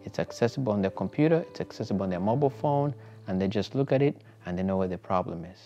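A man from Rwanda, a tech company founder, calmly explaining his work in a documentary interview. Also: lowish voice, fast talker, lo-fi sound. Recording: music bed underneath.

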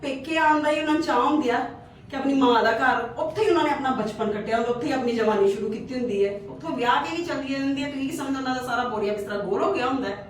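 A woman who hosts a channel acts in a family skit as a hurt married sister visiting her brother's home, pleading at first and then earnestly advising viewers. Her voice sits high and races along. The room is echoey, recorded from far off with faint noise.

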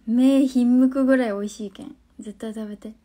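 A woman in her twenties with a Hakata dialect, hosting a casual phone live stream, chatting, reading viewer comments aloud and answering them, sometimes dropping into soft near-whispered asides. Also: on the high side, steady tone, fairly quick. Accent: Hakata dialect of Fukuoka.

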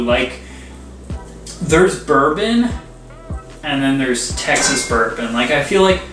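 A man in his twenties chatting casually and emphatically in slangy bro talk as he co-hosts a review. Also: medium pitch. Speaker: whiskey reviewer, co-host. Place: small room with home bar, indoors. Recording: roomy echo, slightly distant mic.

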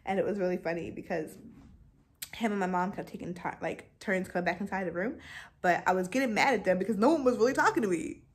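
Young woman venting her birth story. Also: fast talker. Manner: animated, jumps to high pitch when retelling frustration. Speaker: vlogger. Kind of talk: casual storytelling vent.

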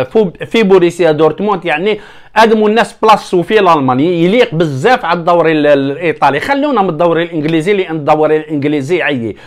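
A young man with an Algerian Arabic accent, rambling animatedly through a casual football commentary vlog and addressing his viewers as brothers. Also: sits high. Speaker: football vlogger.

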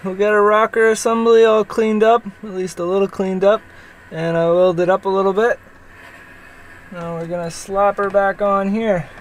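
High-voiced man explaining engine repair. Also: flat delivery, normal speed, rough recording. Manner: chatty, explanatory, self-deprecating. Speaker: sailor rebuilding a boat engine. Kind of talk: casual how-to narration. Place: cramped boat engine bay below deck.

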